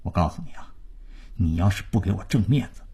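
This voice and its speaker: A man doing a gruff, nagging old-school father. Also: sits low, lively intonation, full character voice. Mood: lecturing. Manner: hushed scolding lecture, quick and clipped. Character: gruff middle-aged father, nagging and hot-tempered. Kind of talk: storytelling broadcast.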